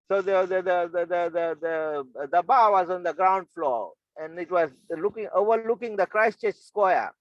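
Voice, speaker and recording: A man from Fiji with a slightly high voice recounts his past as a guest speaker, with frequent ums and restarts. The audio is dry and dull, like a muffled online call. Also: normal speed, few pauses, dry recording. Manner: hesitant, many fillers and restarts, chuckles. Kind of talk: personal storytelling.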